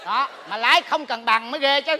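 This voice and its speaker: A man's voice: very high voice, fairly quick, bright, forceful tone, some chatter behind, a little hiss or hum. A man, joking and meddling in a stage comedy sketch. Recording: reverberant theater stage.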